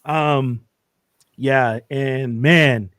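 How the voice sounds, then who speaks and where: A man hosting a casual podcast chat, mostly giving short affirmations and quick reactions. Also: mid-range voice, fairly bright tone, clean tone. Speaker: podcast host. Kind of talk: casual conversation.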